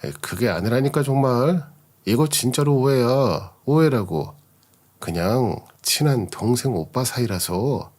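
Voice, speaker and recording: A man's voice: mid-range voice, lively intonation, a little slow, darkish tone. A man voicing a cheating husband who blusters and denies everything. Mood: defensive. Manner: blustering, evasive. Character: cheating husband caught out, defensive.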